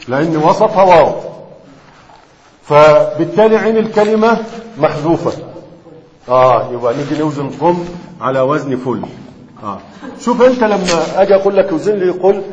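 A man's voice: on the high side, a little mellow, slight background noise. A man with an Egyptian Arabic accent teaching a classroom lesson on Arabic morphology, often stopping to ask his students if they follow. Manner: keeps checking students' understanding with quick questions. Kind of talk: classroom lecture. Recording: reverberant hall, dull lo-fi sound.

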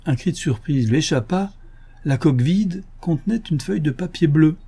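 Un narrateur de livre audio à la voix douce et feutrée, légèrement voilée. Il raconte d'un ton posé et régulier. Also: male voice, a little high, animated, moderate pace, gravelly, warm tone, breathy edge. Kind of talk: scripted narration.

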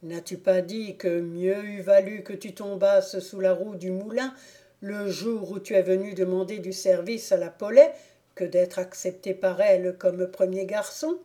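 A woman's voice: lowish voice, dark tone, close to an everyday voice. A woman voicing a shrewd clog-maker who teases his cousin in a knowing, mocking way, in an audiobook. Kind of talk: audiobook character reading.

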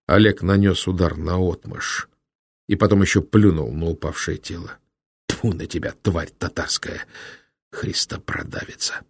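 A man narrating a literary audiobook in a measured, dramatic storytelling manner. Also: sits low, darkish tone, no echo.

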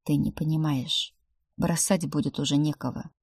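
A woman reading the lines of a stern male demon prince husband in an audiobook, speaking quietly, low and seriously. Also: fairly even intonation, normal speed, gravelly, breathy edge, dry recording, clean studio sound, exaggerated voice.

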